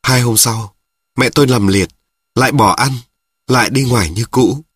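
A man narrating a first-person story in a plain, measured, somber way. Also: medium pitch, a bit bright, husky, no room sound, clean studio sound.

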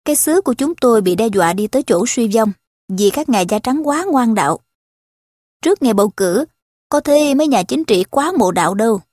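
A wealthy young gentleman from a storybook, ironic and unhurried in his teasing, read by a woman with a fairly high voice. The recording is dry and close. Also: animated, dry recording. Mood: mocking.

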